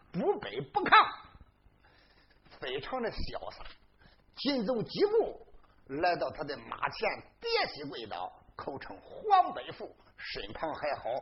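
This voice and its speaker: A male storyteller narrates in a rhythmic drum-song style. His voice sits high and swoops dramatically across a very wide range. The recording sounds dull and lo-fi. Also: gravelly.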